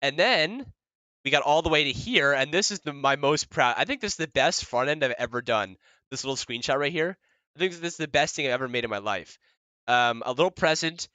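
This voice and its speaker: Bright, clear-voiced joking man. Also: a little high, expressive, brisk, dry recording, highs cut off. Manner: joking, self-mocking, laughs often; chatty with many fillers and restarts. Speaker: developer presenting his project. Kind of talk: casual livestream demo.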